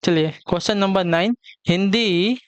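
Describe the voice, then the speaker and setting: A man's voice: sits high, normal speed, clean tone, dry recording. A man teaching an online exam-prep lesson. He repeats each question and answer and keeps checking in with his students.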